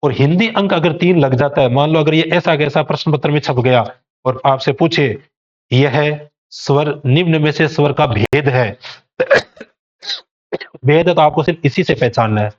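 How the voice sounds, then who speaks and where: Guy teaching an exam prep class, slightly high voice, keeps asking the class questions then answering them, kinda muffled sound. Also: unhurried. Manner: explains step by step with rhetorical questions. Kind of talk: exam coaching lecture.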